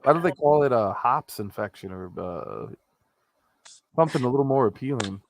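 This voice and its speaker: Animated joking man with popping p sounds. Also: mid-range voice, normal speed. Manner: joking, rambling. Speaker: host of a live-streamed talk show. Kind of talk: casual comedic live chat, reading viewer comments. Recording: clicks and pops, faint background noise.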